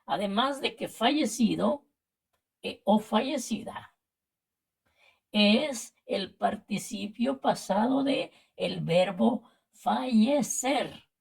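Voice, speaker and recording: A woman from Latin America with a Latin American Spanish accent, teaching a vocabulary and spelling lesson and explaining slowly and carefully with repetitions. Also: a little high, expressive, creaky, husky. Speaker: language teacher.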